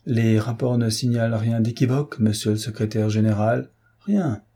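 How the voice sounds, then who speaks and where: A man's voice: mid-range voice, fairly even intonation, normal speed, warm tone, breathy edge. A man reading an audiobook voices a confident male official who speaks in a firm, insistent way. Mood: assured. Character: confident male official, reassuring and self-assured.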